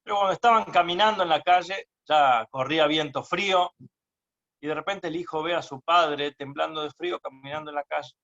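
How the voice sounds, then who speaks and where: Rabbi telling a story. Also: male voice, a little high, brisk, pushed and bright. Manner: conversational storyteller. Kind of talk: storytelling sermon. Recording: dull lo-fi recording.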